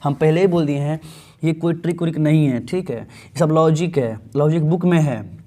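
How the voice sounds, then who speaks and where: A man teaching an exam-prep grammar lesson in Hindi with a Bhojpuri tinge, chatty and firing questions at his students, reading English sentences slowly. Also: fairly high pitch, warm tone.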